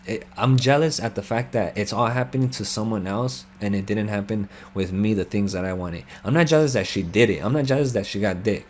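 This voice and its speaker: A man's voice: lowish voice, a little fast, few pauses, a little hiss or hum. Young man ranting, profane and rambling. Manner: rambling, profane, heated storytelling. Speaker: gamer telling a personal story. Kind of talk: casual chat over game voice chat.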